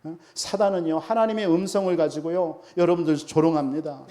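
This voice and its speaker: A man's voice: on the high side, steady tone, a little fast, warm tone. A man preaching a sermon as pastor, emphatic and full of rhetorical questions to the congregation.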